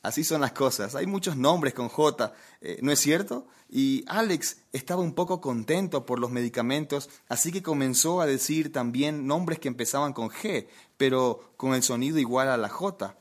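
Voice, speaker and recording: Barely pausing, a preacher tells a humorous, lively story in his sermon and puts questions to the people listening. He has a mid-range voice and a normal speaking speed.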